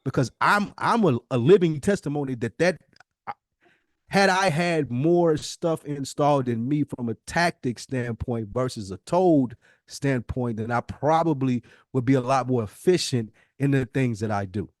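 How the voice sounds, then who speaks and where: Unhurried and medium-pitched, the American podcast host in his early forties chats casually, turning reflective and emphatic and frequently repeating himself for effect. The sound is clean studio audio with no room sound.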